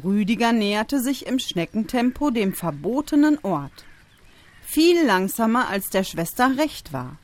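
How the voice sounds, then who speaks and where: A woman reading a children's story aloud with expressive storytelling. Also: a little high, unhurried, no echo. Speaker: narrator.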